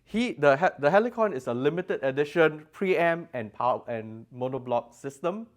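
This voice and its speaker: With a fairly high pitch, lively intonation, and a moderate pace, a man demonstrates products as their designer. The setting is an audio show's exhibition room, where he emphatically explains technical details during an interview.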